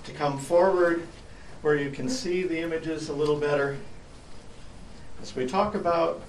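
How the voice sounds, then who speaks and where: A man leading a worship service who reads a children's story gently and without hurry. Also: on the high side, steady tone, a little slow, a little hiss or hum. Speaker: pastor. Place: church sanctuary. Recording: echoey church from far off.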